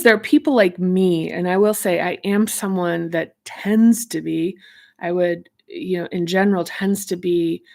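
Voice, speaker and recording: A woman's voice: lowish voice, vocal fry, warm tone. A woman, a self-help author, talking loosely through ideas from her own book, with lots of fillers as she searches for words. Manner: rambling and searching, heavy on fillers.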